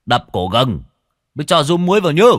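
A bossy old village sorcerer, performed by a male narrator. He barks orders in a loud, gruff voice with a lively pitch. The recording is close and dry. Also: moderate pace, no room sound, full character voice. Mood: scolding.

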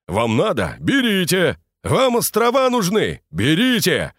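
A man's voice: high voice, huge pitch swings, unhurried, no room sound, clean studio sound, voice pushed up, full character voice. A man voicing a boisterous, bantering Moscow drinker nicknamed the cruiser, in an audiobook. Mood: hearty. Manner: loud, hearty, bantering.

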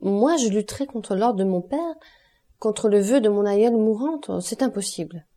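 A woman's voice: mid-range voice, animated, normal speed, warm tone, lightly acted. A woman voicing a dutiful, anguished young noblewoman in an audiobook, speaking in a pleading, distressed way. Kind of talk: audiobook character reading.

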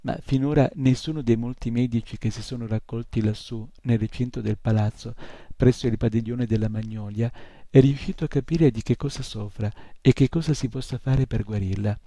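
A man's voice: medium pitch, fairly even intonation, normal speed, mellow, no room sound, natural voice. A man voicing a tiny, polite and slightly self-important male creature in a storybook. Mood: polite, earnest.

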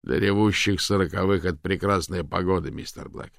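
A man's voice: sits low, fairly even intonation, brisk, gravelly, fairly bright tone, no room sound, clean studio sound. A man voicing a suspicious, dryly ironic ship captain in a storybook reading.

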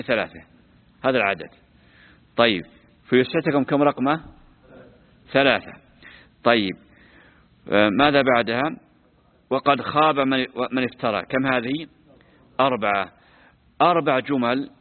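Man teaching scripture, tinny hall echo. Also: mid-range voice. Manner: quizzes listeners, repeats words slowly to teach pronunciation. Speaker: sheikh teaching Quran commentary. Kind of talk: classroom lesson on scripture. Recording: tinny lo-fi recording with long hall reverb.

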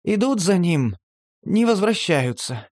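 Guy putting on a high whiny strung-out street addict, touchy and teary, horror audiobook, dry sound. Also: very animated, slow, a little mellow, dry recording, exaggerated voice. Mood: rambling. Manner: shrill, agitated, pleading. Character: strung-out homeless male addict, touchy and tearful. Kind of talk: audiobook character voice.

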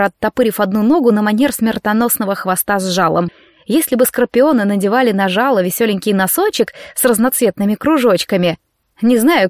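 A woman narrating an audiobook in a wry, lively storytelling manner, close to the mic. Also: medium pitch, no echo. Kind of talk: scripted narration.

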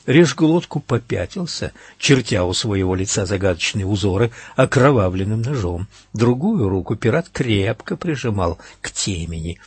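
A man reading an audiobook aloud, expressive and animated, his pitch rising and falling freely. His voice is slightly husky and sits dry and close to the mic. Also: normal speed, few pauses, no echo. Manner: expressive, acts out every character. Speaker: audiobook narrator. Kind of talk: scripted audiobook narration.

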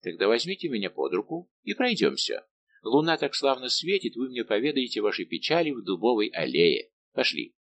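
Jovial veteran musketeer captain, teasing and persuasive, lively swooping delivery, read by a male narrator. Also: mid-range voice, a little fast, a little hiss or hum. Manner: warm, bantering and persuasive.

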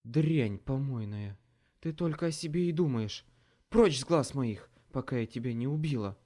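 A man voicing a tough female changeling who speaks with flat, quiet menace in an audiobook. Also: mid-range voice, normal speed, lightly acted. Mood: contemptuous. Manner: flat, quiet threat, then barking. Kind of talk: audiobook character voice.

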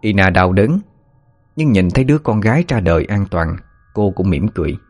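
Low-voiced male storyteller. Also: expressive, fairly quick, darkish tone. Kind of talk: scripted story narration.

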